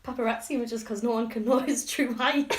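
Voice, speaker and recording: A woman's voice: a little high, steady tone, brisk. A young woman co-hosting a podcast, chiming in playfully during casual chat. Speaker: podcast co-host. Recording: roomy, noisy recording.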